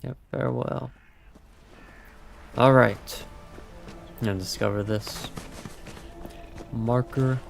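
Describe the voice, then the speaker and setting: A man's voice: mid-range voice, fairly even intonation, takes it slowly, creaky, long pauses, faint music behind. A man streaming a game, muttering to himself and reading out dialogue choices as he plays. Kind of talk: gameplay commentary.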